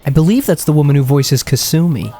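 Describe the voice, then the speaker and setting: A man's voice: a little high, animated, fairly quick, dark tone, a little hiss or hum. A man giving casual, critical video game commentary in a blunt, exasperated, sweary way. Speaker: video game let's player. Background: video game music.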